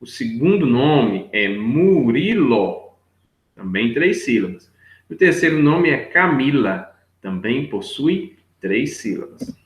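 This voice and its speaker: A man's voice: medium pitch, very animated, takes it slowly. A male teacher patiently going over worksheet answers for young children step by step, often checking in with his listeners. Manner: patient, step-by-step, checks in with 'right?' and 'look here'. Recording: echoey room.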